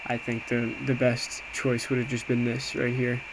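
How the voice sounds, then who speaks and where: A medium-pitched male voice at a moderate pace recaps trades informally, with hesitation and self-reflection. He's an amateur day trader chatting casually while going through a screen. Steady background noise accompanies a clear recording.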